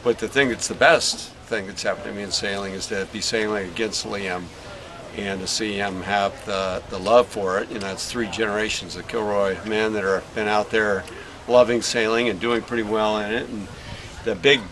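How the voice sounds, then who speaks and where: At a normal speed and with fairly even intonation, a lowish-voiced middle-aged man, who sails and has a young racer for a child, chats through a casual outdoor interview. The recording is noisy, and his storytelling leans heavily on fillers.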